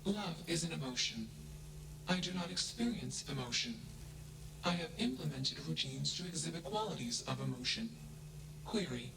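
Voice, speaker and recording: A flat, emotionless AI. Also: male voice, fairly high pitch, normal speed, gravelly, a loud crowd, rough recording. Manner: clipped, monotone, announces each statement with a label word. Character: flat emotionless AI, a thinking machine. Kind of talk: video game voice acting.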